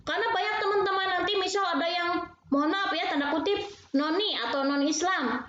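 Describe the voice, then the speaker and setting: A woman's voice: very high voice, fairly quick, a bit bright. A woman giving a casual, chatty university lecture, peppering her explanations with little tag words. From Indonesia. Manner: chatty, frequent tag "ya", mimics regional ways of speaking. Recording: very echoey dull room with faint hiss.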